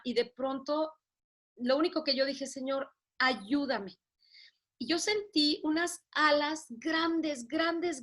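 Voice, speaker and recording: A middle-aged woman with a Mexican Spanish accent, a pastor sharing a personal testimony in lively storytelling, acting out voices and laughing often. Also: high voice. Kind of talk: personal testimony on a video call.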